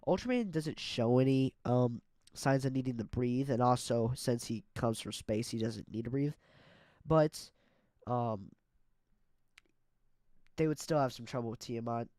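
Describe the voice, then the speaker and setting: A man with a medium-pitched, slightly mellow voice hosts a YouTube monster battle video, going over the matchups. His casual scripted commentary is unhurried and hesitant, with long pauses and frequent fillers. There's no room sound.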